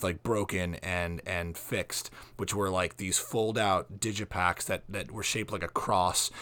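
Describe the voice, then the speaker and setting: A man's voice: on the low side, fairly bright tone. A middle-aged man in casual conversation, opinionated and swearing freely while going into detail on music releases. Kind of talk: casual chat.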